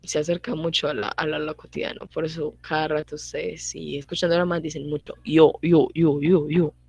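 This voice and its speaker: Young woman, language teacher, lowish voice, dry close sound, chatty, repeats herself, asks "right?" often. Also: level tone, vocal fry, breathy edge, no room sound. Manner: repeats points and checks in with quick tag questions. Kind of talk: casual online grammar lesson.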